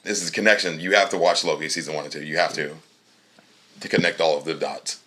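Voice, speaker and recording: A man's voice: a bass voice, fairly even intonation, fast talker, pushed and bright. A man casually recapping a movie with friends, loose and profane, often repeating and finishing the others' lines. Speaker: podcast co-host.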